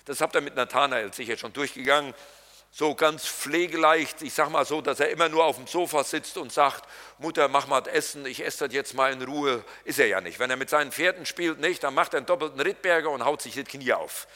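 A man's voice: fairly high pitch, brisk, sharp tone. A man preaching a sermon as pastor, colloquial and jokey, talking straight to his congregation. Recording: reverberant hall.

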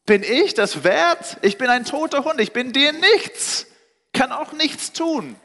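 A man voicing a humble lame man who pleads that he is worthless, in a high, slow, pleading tone. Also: lively intonation, pushed and bright, full character voice. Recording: reverberant hall.

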